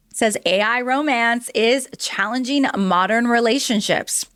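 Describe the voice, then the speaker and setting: A woman's voice: fairly high pitch, a little slow, fairly bright tone, dry recording. A woman in her early forties hosting a solo podcast, reading news items aloud and reacting to them in a candid, chatty way. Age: 40s. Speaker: host.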